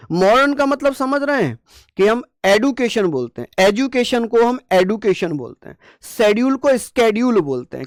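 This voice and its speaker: In an exam-prep lecture, a male teacher with a clean, high-sitting voice quizzes students through call-and-response, chants memory tricks by repeating words, and playfully teases the class. The studio sound is clean with no echo.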